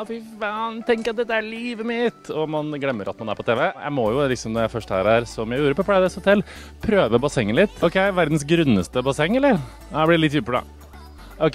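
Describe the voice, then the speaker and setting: A young man hosting an entertainment show, giving a playful, mocking tour of a villa with theatrical asides while walking around and talking into a handheld mic. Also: fairly high pitch. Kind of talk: comic house tour and studio chat.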